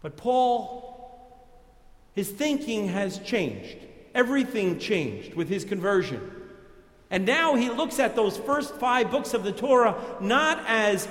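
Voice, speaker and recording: High-voiced New York pastor preaching. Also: male voice, sing-song, slow pace, a bit bright. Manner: conversational, folksy preaching. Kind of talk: sermon. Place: church. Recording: echoey church reverb.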